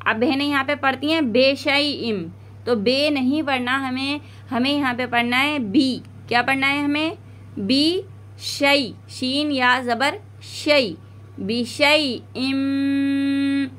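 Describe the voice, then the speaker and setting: High-voiced woman teaching slow recitation. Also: a bit bright. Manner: slow, drawn-out modelling of each word, then quick explanations. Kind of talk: step-by-step recitation lesson.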